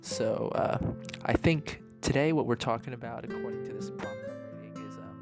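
A young American man in his early twenties recording a reflective, casual audio letter, pausing often as he thinks. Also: mid-range voice, over music. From New York, United States. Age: early 20s. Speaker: university student exchanging audio letters. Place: dorm room.

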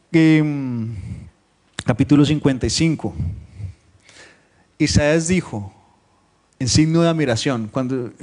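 Pastor guy preaching, kinda high voice, gets loud on the verses then goes quiet for little asides. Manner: lively, swings between loud scripture reading and quiet asides. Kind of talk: sermon. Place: church meeting room, streamed live.

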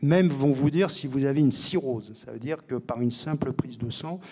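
A man's voice: mid-range voice, moderate pace, dark tone. Man in his role as a doctor explaining with lots of fillers, plain medium voice. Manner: didactic, many fillers and restarts. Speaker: liver doctor and author. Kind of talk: explanatory interview talk.

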